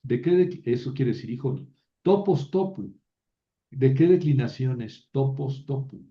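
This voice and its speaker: A man's voice: medium pitch, expressive, measured pace, lo-fi sound. A man teaching a biblical Greek class, reciting word forms aloud one at a time and explaining them to his students. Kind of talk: classroom lecture.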